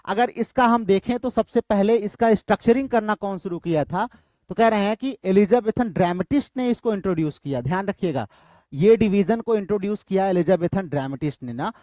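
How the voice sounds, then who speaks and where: A male literature teacher gives an exam-prep lecture in Hinglish, repeatedly quizzing by posing questions and answering them himself. His voice is high-pitched, animated, fairly quick and dark in tone, in a dry recording.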